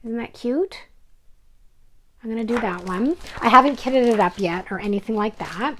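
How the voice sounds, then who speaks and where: A woman casually chatting through her cross-stitch projects at home, self-deprecating and full of fillers, sometimes dropping to a soft whisper. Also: a little high, moderate pace, slight background noise. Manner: drops to soft whispers over her silks. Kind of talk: casual show-and-tell vlog.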